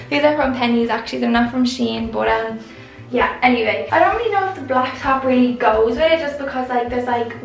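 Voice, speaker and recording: A woman's voice: on the high side, gravelly, recorded from a distance. A young woman with an Irish accent, chatting casually through a clothing try-on haul. She rambles and fills her talk with "like", and she sits well back from a camera set up across the room. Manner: chatty and rambling, heavy use of "like". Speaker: vlogger. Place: room at home. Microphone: camera set up at a distance. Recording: echoey room, voice off-mic, faint music.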